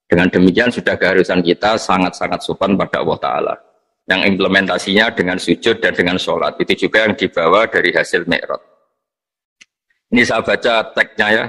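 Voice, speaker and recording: A man preaching a sermon, reciting Arabic texts and explaining them slowly in plain talk. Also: fairly low pitch, fairly bright tone. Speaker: Islamic preacher. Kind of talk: sermon with text reading.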